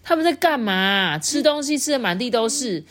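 A woman reading a storybook aloud to her child, lively and chatty, stopping to explain the story. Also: on the high side, fairly quick.

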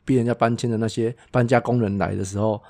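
Male cohost, quick, teasing, goes hushed for scary bits. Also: fairly even intonation, gravelly. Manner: teasing, drops low and quiet to spook. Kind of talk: casual ghost-story chat.

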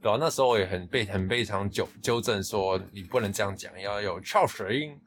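Fast-talking man with Taiwanese Mandarin accent. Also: lowish voice. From Hong Kong. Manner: chatty, laughs often, quotes others. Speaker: podcast host. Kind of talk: casual chat.

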